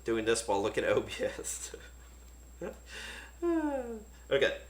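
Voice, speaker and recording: A man casually talking through a board game unboxing, relaxed and thinking aloud with many fillers. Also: lowish voice, quick pace, roomy sound, slight background noise.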